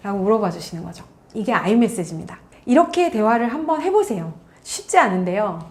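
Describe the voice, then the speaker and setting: A woman's voice: mid-range voice, very animated, brisk, a little mellow. A woman counselor giving parenting advice in an earnest, coaching tone, now and then acting out what a parent or child might say. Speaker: college counselor and parenting author. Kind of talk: parenting advice talk to camera.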